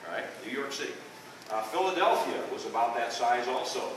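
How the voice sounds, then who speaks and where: Recorded far off in an echoey school room over a noisy background, an older Midwestern man teaches history in a folksy way, often asking "okay?" This re-enactor and teacher sounds animated, speaking fairly quickly at a medium pitch.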